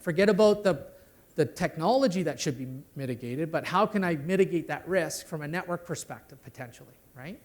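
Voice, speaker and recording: High-voiced man giving a conference talk. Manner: conversational, tags sentences with "right?". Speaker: conference speaker. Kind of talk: conference talk on network security. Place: conference hall.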